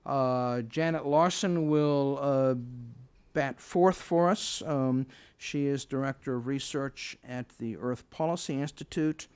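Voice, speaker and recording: A man moderating a formal event, introducing speakers in a hesitant, halting way. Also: mid-range voice, darkish tone, clear, resonant tone.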